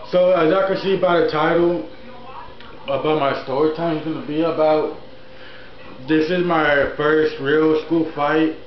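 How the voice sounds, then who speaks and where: A man in his early twenties telling a personal story in a casual, rambling vlog style, often repeating himself. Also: a little high. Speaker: YouTuber, channel host. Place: indoor room at home, TV on. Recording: echoey room, dull sound, faint noise.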